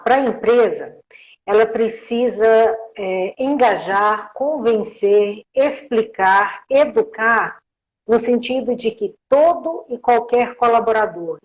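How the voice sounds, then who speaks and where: A woman's voice: fairly high pitch, poor audio. A woman, a guest on a live-streamed interview, explaining her points with everyday examples and frequent filler tags. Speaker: guest communication professional.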